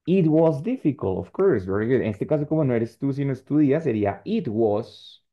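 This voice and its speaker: A man's voice: medium pitch, big pitch swings, fairly quick, phone-quality sound. A man teaching an English class online in Spanish, patient and encouraging as he explains and corrects students.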